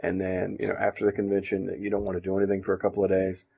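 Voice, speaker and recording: A man co-hosting a casual podcast, talking in halting, self-deprecating stops and restarts. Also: sits low, completely flat delivery, vocal fry, husky. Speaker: podcast co-host and comic artist. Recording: dull lo-fi sound.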